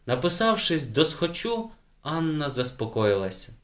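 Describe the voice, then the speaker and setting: A man narrating a children's audiobook with lively, varied emphasis. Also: a little high, measured pace. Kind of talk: scripted narration.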